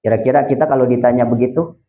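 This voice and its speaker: A man's voice: medium pitch, steady tone, fast talker, phone-quality sound. A man preaching a humorous wedding sermon, telling a story and quizzing the crowd. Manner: joking storyteller, asks the crowd questions. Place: hall with audience. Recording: echoey hall.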